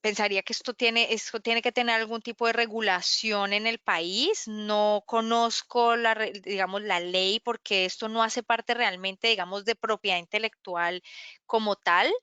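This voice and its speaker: Woman fielding workshop questions, lots of ehs and restarts, clear smooth voice. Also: medium pitch, fairly even intonation, normal speed, bright, forceful tone, no echo, muffled recording. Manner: hesitant, many restarts and fillers. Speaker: workshop speaker. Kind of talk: answering questions in an online workshop.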